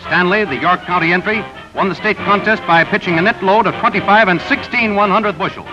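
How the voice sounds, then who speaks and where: High-voiced man narrating an old newsreel. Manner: brisk announcer delivery of results. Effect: old 1930s newsreel soundtrack. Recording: dull lo-fi 1930s newsreel with music. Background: music bed.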